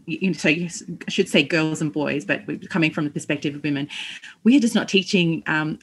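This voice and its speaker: A woman giving a reflective interview answer, earnest and halting as she searches for words. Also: sits low, fairly bright tone. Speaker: podcast guest.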